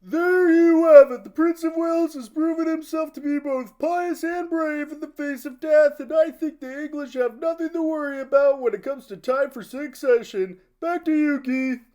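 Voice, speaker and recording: A man's voice: very high-pitched, normal speed, few pauses, warm tone. A man playing an earnest field news reporter interviewing at a medieval battle in a mock TV news style. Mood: eager, probing.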